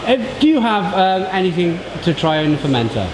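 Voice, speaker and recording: High-pitched Cardiff man interviewing in echoey brewery. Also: very animated, fairly quick. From Cardiff, Wales. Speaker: interviewer visiting on a brewery tour. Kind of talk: casual chat interview. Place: inside an echoey working brewery. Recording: echoey brewery with background chatter and hum.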